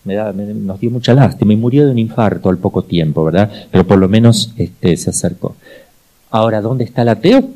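Middle-aged Argentine male priest, mellow timbre, lively storyteller who repeats for emphasis. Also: on the low side, a little fast, rough recording. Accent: Argentine Spanish. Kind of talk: teaching talk with personal anecdotes.

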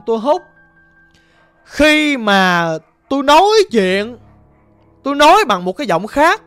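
A woman voicing a calm male shaman giving careful instructions before a spirit ritual. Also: fairly high pitch, dry recording, close to an everyday voice. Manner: steady, deliberate instructing. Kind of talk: ghost story narration.

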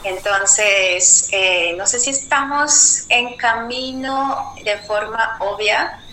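Woman guest artist, slow hesitant speech, echoey room, noisy remote line. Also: on the high side, pushed and bright. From Guadeloupe. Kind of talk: live radio conversation over a remote call.

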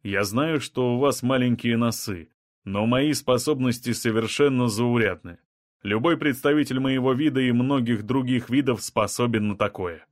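A male reader voicing a calm, blunt man from another kind of people, level and matter-of-fact even about killing. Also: mid-range voice, moderate pace, no room sound, clean studio sound, close to an everyday voice.

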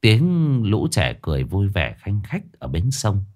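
A man telling a first-person ghost story in a lively, dramatic way. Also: fairly low pitch, unhurried. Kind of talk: scripted ghost story narration. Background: faint music.

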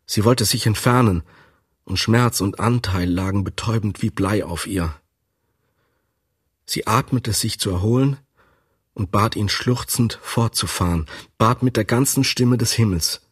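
A man narrating a classic novel for a radio reading, with an expressive, dramatic delivery. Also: on the low side, measured pace, slightly rough. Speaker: audiobook narrator. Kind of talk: scripted literary narration.

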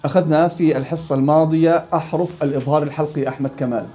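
A man with a Levantine Arabic accent teaching Quran recitation, quizzing students, praising answers and stretching out example words slowly. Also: a little high, fairly even intonation, muffled recording. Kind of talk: classroom teaching.

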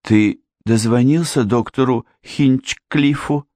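Man putting on a shrill, panicky weeping young woman. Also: slow, mellow, dry recording, studio quality, close to an everyday voice. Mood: panicked tearful. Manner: shrill, pleading. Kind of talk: audiobook character voice.

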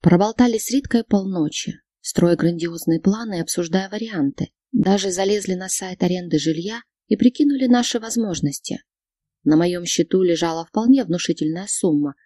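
A woman reading a first-person audiobook in a steady, composed way. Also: fairly low pitch, husky, no room sound, studio quality. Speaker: audiobook reader.

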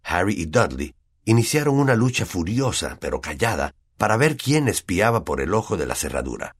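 Deep, husky male audiobook narrator. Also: normal speed. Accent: Latin American Spanish. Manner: expressive storytelling.

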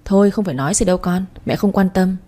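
A spiteful young stepmother, voiced by a woman in a spoken story, sneering and feigning innocence. Her voice is dark and breathy. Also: medium pitch, fast talker, close to an everyday voice. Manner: sneering, falsely sweet.

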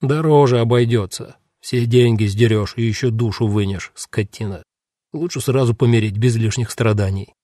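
A man voicing a sullen male guard who grumbles back in a low, muttered voice. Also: moderate pace, mellow, no room sound, clean studio sound, lightly acted. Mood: grumbling.

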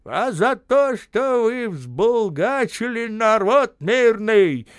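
A man's voice: sits high, sing-song, takes it slowly, clear, resonant tone, no echo, studio quality, voice pushed up, exaggerated voice. A man playing a stern scornful old man.

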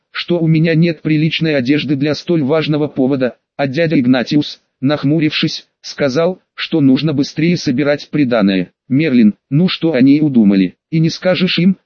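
A man narrating an audiobook in a steady, even storytelling manner. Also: on the high side, dry recording. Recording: dull, dry lo-fi recording.

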